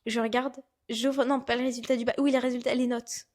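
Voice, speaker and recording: A young woman from France in her twenties, co-hosting a casual podcast chat, telling an animated story and acting out what people said. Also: fairly high pitch, brisk. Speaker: podcast co-host.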